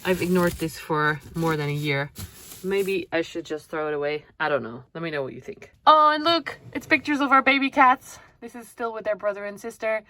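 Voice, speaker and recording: A woman's voice: fairly low pitch, lively intonation, moderate pace, sharp tone, slight background noise. A woman from the Netherlands hosting a casual vlog house tour at home, slightly out of breath, chatty and self-deprecating with frequent laughs. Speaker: plant channel host. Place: at home indoors, walking between rooms.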